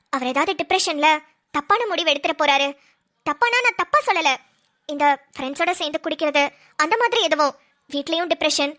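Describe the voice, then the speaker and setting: Cartoon role: a woman playing an earnest young woman, very high and bright, emotional. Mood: worried. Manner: earnest, tearful, pleading. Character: emotional young woman missing her brother. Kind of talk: cartoon voice acting.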